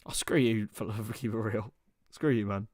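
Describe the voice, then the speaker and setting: Lowish and steady, a little mellow, this young man's voice moves at a normal speed over clean, echo-free studio sound. He keeps up casual live commentary on a football match during a watchalong stream. Chatty throughout, he switches between calling the action and joking with chat.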